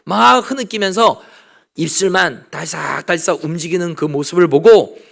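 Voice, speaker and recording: A man's voice: a little high, moderate pace, gravelly, fairly bright tone. A male pastor preaching a sermon at a midweek prayer meeting in a church, acting out quoted speech in different voices. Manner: drops to a whisper to show silent prayer. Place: church sanctuary.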